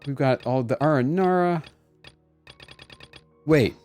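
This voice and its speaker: While game music plays, a man chats with viewers of his game stream in a casual, playful manner, exclaiming often. He has a mid-range, slightly mellow voice and takes things slowly.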